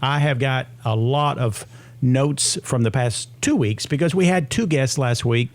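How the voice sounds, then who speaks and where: A man's voice: mid-range voice, a little slow, dry recording. A man in his sixties hosting a radio show, talking casually about health. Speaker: radio host.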